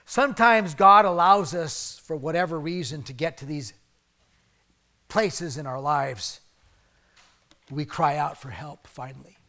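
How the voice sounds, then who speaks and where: Male pastor, middle-aged, sermon, animated storytelling, slightly high voice. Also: a little slow, pauses often. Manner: animated storytelling, swings between loud emphasis and soft asides.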